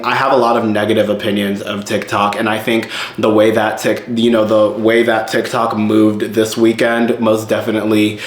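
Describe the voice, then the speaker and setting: A man's voice: on the low side, reverberant. A man in his twenties giving casual commentary as a channel host, chatty, with lots of fillers and repeated words. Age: 20s.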